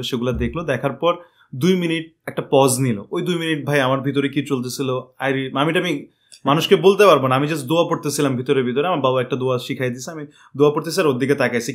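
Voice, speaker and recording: A young man, a podcast guest telling how his visa interview went in a rambling, animated way, often correcting himself. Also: mid-range voice. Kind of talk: casual interview storytelling.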